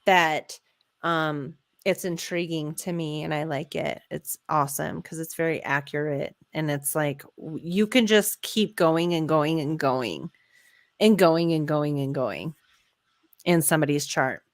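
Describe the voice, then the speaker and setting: A woman's voice: low-pitched, unhurried, no room sound, clean studio sound. A woman hosting a casual live chat, talking in a rambling, easygoing way. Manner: chatty, rambling, trails off. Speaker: host.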